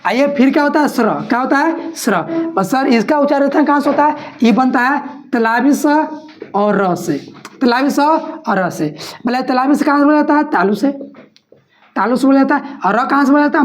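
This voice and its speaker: A woman teacher giving an exam-prep lesson, asking questions and answering them herself while repeating each point. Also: high-pitched.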